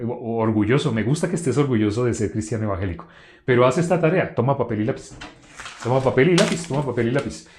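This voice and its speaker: A man preaching a sermon in an animated way, repeating phrases for emphasis and laughing between points. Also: mid-range voice, echoey room.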